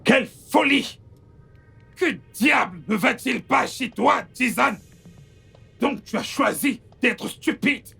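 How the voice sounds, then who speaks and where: Dub actor as a furious property owner, very gravelly, raspy, slow, angry scolding. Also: female voice, on the high side, expressive, bright, forceful tone, soft background music, exaggerated voice. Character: furious real-estate owner scolding a relative. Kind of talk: dubbed film acting.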